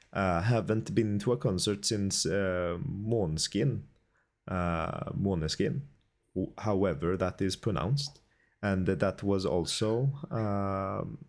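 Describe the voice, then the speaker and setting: A man's voice: deep voice, darkish tone. A man streaming a game, chatting politely with viewers and thanking them, with a stuffy nose and a cough. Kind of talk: casual gaming commentary.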